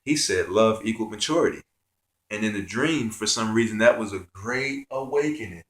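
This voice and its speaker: A man's voice: lowish voice, animated, moderate pace, a bit bright, roomy sound. A man telling a personal spiritual story in an earnest, rambling way, with many fillers. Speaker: spiritual vlogger.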